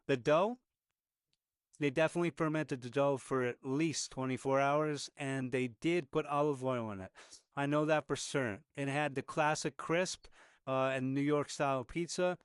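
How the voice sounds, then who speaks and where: A man's voice: fairly high pitch, smooth, dry recording, studio quality. A man telling how a meal went in casual, conversational voice-over, chatting with plenty of fillers. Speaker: food reviewer. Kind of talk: casual voice-over narration over footage.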